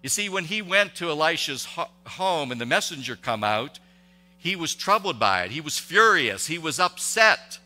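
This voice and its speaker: Forceful pastor preaching in a reverberant church. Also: male voice, fairly high pitch, big pitch swings. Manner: conversational, halting, many restarts and rhetorical questions. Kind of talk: sermon. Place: church sanctuary. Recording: long reverb of a church hall.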